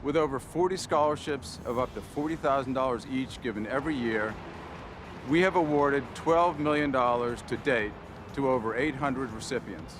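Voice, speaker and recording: A man giving formal, scripted narration for a gala video, announcing the program in a measured voice. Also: medium pitch, background noise. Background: music.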